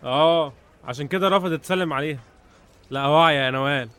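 Pushy egyptian cop in a radio drama, talks super fast, sarcastic and threatening. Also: male voice, fairly high pitch, bright, forceful tone, clear, resonant tone. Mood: commanding. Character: brusque, intimidating police investigator, sarcastic and impatient.

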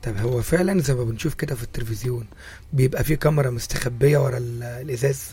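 A man's voice: medium pitch, racing, mellow, husky. A man with an Egyptian Arabic accent hosting a casual radio interview. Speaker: radio host.

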